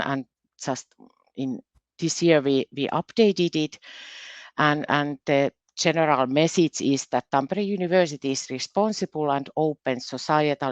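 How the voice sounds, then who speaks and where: This Finnish-born research specialist at a university presents at a conference with care and hesitation, often doubling words, her accent shaped by Finnish as her first language. She speaks in a low voice, and there's no echo.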